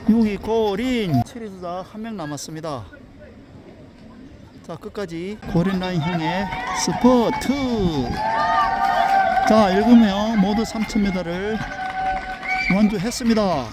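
A man giving casual live commentary on a race at an outdoor track while filming it, often shouting encouragement to the runners. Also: sits high, takes it slowly, long pauses, over a noisy crowd. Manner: excited, cheering and shouting encouragement. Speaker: amateur running club member filming a race. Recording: outdoor noise from a stadium track.

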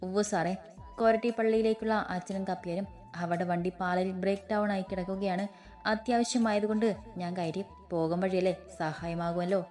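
A woman voicing a young woman who puts on a lower man's voice and speaks humbly to police. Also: fairly even intonation, normal speed, darkish tone, natural voice. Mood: deferential. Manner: humble, pleading.

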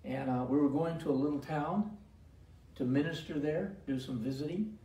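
A man's voice: on the high side, moderate pace, mellow. An older man preaching a sermon as pastor, with emphatic delivery and repeated calls to the congregation. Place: church sanctuary. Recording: roomy echo from a distant mic.

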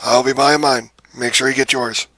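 A man hosting a trailer reaction video, chatting casually from a small room, moving between short exclamations and slower musing. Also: mid-range voice, fairly even intonation, pushed and bright, dry recording. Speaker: YouTube host.

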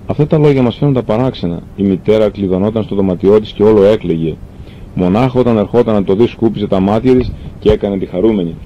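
A man reading a classic novel aloud, telling the story calmly and earnestly with the odd stumble. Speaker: reader. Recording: dull lo-fi recording with faint rumble.

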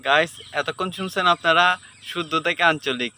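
A man's voice: on the high side, a little fast, background noise. A man chatting casually to vlog viewers and companions.

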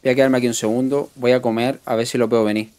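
A man's voice: mid-range voice, flat delivery, fast talker, a little mellow. Chatty young man streaming a game. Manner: chatty, greets and thanks viewers. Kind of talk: live gameplay commentary.

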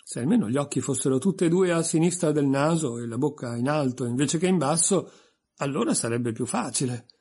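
A man's voice: a little high, a little fast, darkish tone, breathy edge, voice pushed up. A man reading an audiobook voices a pompous, stern egg creature reciting verse. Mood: dismissive.

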